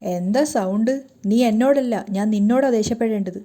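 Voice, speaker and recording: A woman's voice: fairly high pitch, fairly even intonation, fairly quick, dark tone, close to an everyday voice. A woman voicing a drunk, hot-tempered young husband lashing out at his wife. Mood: angry. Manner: angry outbursts.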